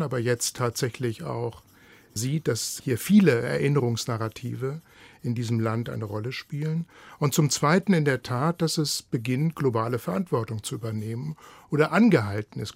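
A man talks as a guest in a radio debate. His voice has a gravelly edge, and his reflective, deliberate speech sits close and dry. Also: mid-range voice, dry recording. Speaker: panel guest. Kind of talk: radio discussion.

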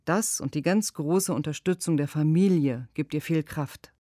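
A woman's voice: low voice, moderate pace, dark tone, no room sound. Earnest female voice-over for a lawyer's answers, dry and close. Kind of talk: read translated interview answers.

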